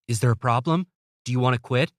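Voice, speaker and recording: A man's voice: medium pitch, fast, no echo, clean studio sound, close to an everyday voice. Man voicing a fussing, blunt chain-smoking mom. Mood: worried. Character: worried chain-smoking middle-aged mother, blunt.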